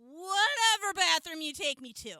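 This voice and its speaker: Very high, bright female voice, actress as flustered, foul-mouthed young jailed woman, audio drama. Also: lively intonation, moderate pace, no echo, studio quality, exaggerated voice. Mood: desperate, squirming.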